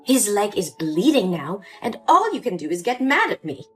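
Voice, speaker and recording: A woman's voice: mid-range voice, big pitch swings, moderate pace, fairly bright tone. A woman voicing a cold, condescending older mother in a story drama, with faint music behind. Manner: cool, condescending.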